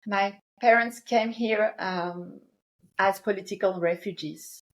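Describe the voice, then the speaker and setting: Measured woman guest, frequent hesitations. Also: mid-range voice. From Iran, raised in France. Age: 40s. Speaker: guest, lawyer and rights activist. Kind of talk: remote interview. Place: home in Paris.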